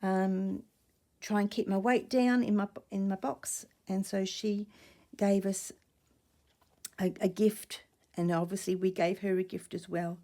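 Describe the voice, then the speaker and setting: Recorded by a camera or tablet on a desk in a small room at home, a woman shows off vintage finds in a casual vlog. Her voice is soft, mellow and a little croaky, medium in pitch, with a steady tone and measured pace. She rambles gently and often sinks almost to a whisper.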